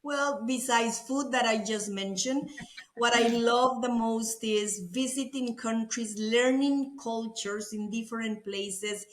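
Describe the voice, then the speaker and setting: Appearing as an interview guest, this middle-aged food innovation executive from Costa Rica talks effusively and enthusiastically in a Costa Rican Spanish accent, repeating words as she goes. Her voice is a little high with fairly even intonation, and she takes it slowly. The sound is reverberant.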